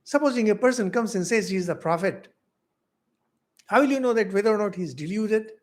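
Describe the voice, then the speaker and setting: A middle-aged Indian man with an Indian English accent, a monk giving a spiritual lecture, asking rhetorical questions with big swings in loudness. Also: high-pitched, lively intonation, fairly quick. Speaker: monk teaching spiritual philosophy.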